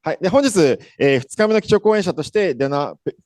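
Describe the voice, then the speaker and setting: Chatty animated man hosting a conference. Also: a little high, fast, no echo, studio quality. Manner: chatty, rambling with many fillers and self-corrections. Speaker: event host. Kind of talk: casual conference introduction. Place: conference hall.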